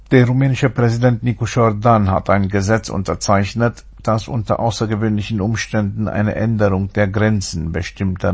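A man's voice: lowish voice, creaky, darkish tone, slightly rough. A man reading a scripted radio news bulletin in a formal, factual manner. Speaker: newsreader.

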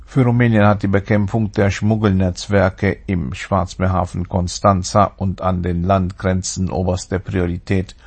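A man's voice: sits low, little pitch movement, measured pace, gravelly, few pauses, darkish tone. A man reading a scripted radio news bulletin in a formal, factual manner. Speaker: newsreader.

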